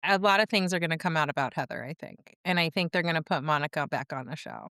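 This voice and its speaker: A woman's voice: deep voice, a bit bright, no room sound, clean studio sound. A woman co-hosting a podcast, chatting casually about reality TV and adding her own reactions and opinions. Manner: quick, conversational, adds reactions and opinions. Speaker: podcast co-host.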